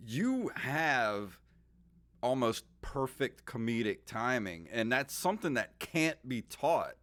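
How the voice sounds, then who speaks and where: A man's voice: mid-range voice, very animated, takes it slowly, fairly bright tone. A man hosting a casual podcast chat, laid-back and enthusiastic with his guest. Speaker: podcast host.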